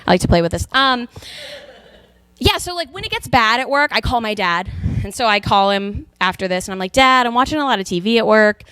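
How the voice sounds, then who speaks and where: A young woman from Texas doing a stand-up comedy routine, telling animated stories and slipping into character voices. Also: fairly high pitch, fairly quick, clear, resonant tone, no room sound.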